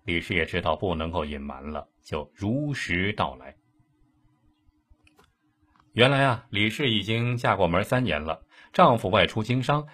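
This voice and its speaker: A man telling an old case story in a lively, colloquial way. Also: sits low, breathy edge. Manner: lively, colloquial, dramatic asides. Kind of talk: casual storytelling.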